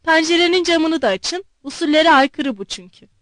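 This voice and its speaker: A woman voicing a familiar, confiding male house servant in an audiobook, speaking in a hushed way. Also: very high voice, lively intonation, moderate pace, no room sound.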